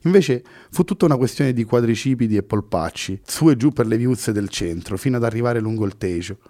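A man narrating a novel as an audiobook in a measured storytelling manner. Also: medium pitch, warm tone, dry recording, clean studio sound. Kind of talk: scripted narration.

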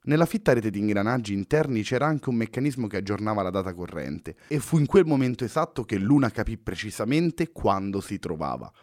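A man reading a story aloud in a steady, even way. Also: lowish voice, fairly quick, hardly any pauses, no echo, studio quality. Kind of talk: scripted story narration.

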